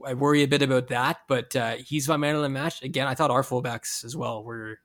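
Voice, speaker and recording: An easygoing man on a football podcast, speaking at a middle pitch in loose, slangy conversation. He agrees readily and talks his views out casually. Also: fairly even intonation, fairly quick, fairly bright tone. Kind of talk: casual sports chat.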